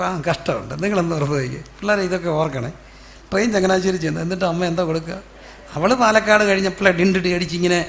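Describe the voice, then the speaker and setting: Preaching with a slightly high voice and some vocal fry, this male pastor poses questions to his congregation only to answer them himself. Quoted voices come out as sudden loud bursts. A slight hiss or hum runs under the recording.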